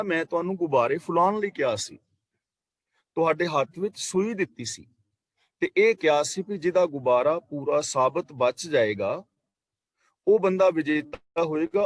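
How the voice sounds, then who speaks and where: A man's voice: fairly high pitch, no echo. A man teaching a scripture class over an online call, explaining verses line by line with parables and repetition. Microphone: online meeting call.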